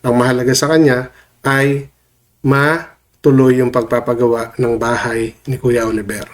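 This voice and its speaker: A man's voice: mid-range voice, little pitch movement, a little slow. A man vlogging casual commentary while he has a cold that changes his voice, often checking in with his viewers mid-sentence. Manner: chatty, tags lines with questions to viewers. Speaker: vlogger commenting on online drama.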